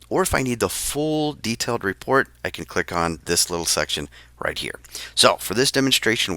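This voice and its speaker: A man acting as a real estate tech trainer, walking through software step by step in a screen-share tutorial, with frequent fillers. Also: low-pitched, dry recording.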